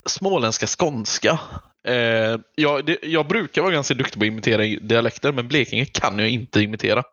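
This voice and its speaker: A man's voice: medium pitch, fairly bright tone, dry recording. A man, chatting casually as a podcast co-host on a slightly muffled microphone. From Gothenburg, Sweden. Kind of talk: casual chat.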